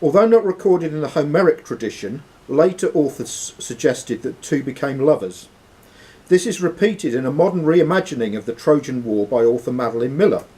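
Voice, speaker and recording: The audio is poor as a quiz host in a sports and social club room reads questions and rules on responses. His voice is a little high and husky, with a dark tone, lively intonation, and normal speed.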